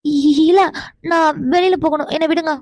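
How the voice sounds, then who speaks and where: A woman does animated cartoon voice acting as a shy young wife who's easily embarrassed, fretful, and exclamatory, stammering when bashful and sounding shy and protesting. Her voice sits high and a little mellow, with a steady tone and moderate pace, lightly acted in a dry, studio-quality recording.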